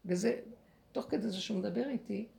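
Gravelly-voiced woman teaching a spiritual lesson. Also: mid-range voice. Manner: animated, acts out inner dialogue, asks listeners rhetorical questions.

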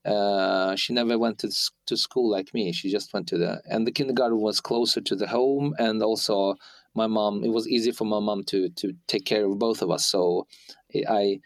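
Man, forties, from Ukraine, interview guest, halting speech with restarts, dry close sound. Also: on the low side, fairly even intonation, no room sound. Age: 40s. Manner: halting, many restarts and fillers. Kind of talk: hesitant conversational interview. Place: Sweden.

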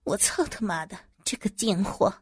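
A woman's voice: medium pitch, normal speed, breathy edge, no echo, studio quality. A woman voicing an angry middle-aged company boss who rants indignantly and curses a former employee, read as part of an audio story. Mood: indignant ranting. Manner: indignant, cursing, self-pitying ranting.

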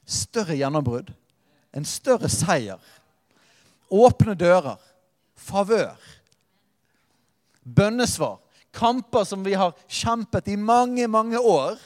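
A man's voice: high voice, long reverb tail. A man preaching a sermon as pastor, with impassioned delivery that swells and drops and uses emphatic repetition.

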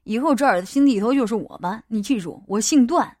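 A woman voicing a cold, menacing male gang boss in an audiobook, talking in a flat, threatening way. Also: fairly high pitch, normal speed, no echo, studio quality, pitched below the performer's own voice. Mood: cold threat. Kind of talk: audiobook character voice.

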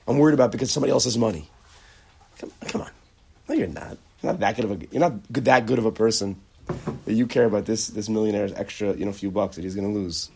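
A man's voice: lowish voice, darkish tone, breathy edge. A man teaching a conversational lecture on character traits, acting out bits of dialogue and often restarting his sentences. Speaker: Torah teacher.

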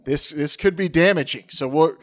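A man co-hosting a casual sports podcast, energetic and chatty, running through questions and sponsor reads. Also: fairly high pitch, normal speed, dry recording, studio quality. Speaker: podcast co-host. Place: at home, remote recording.

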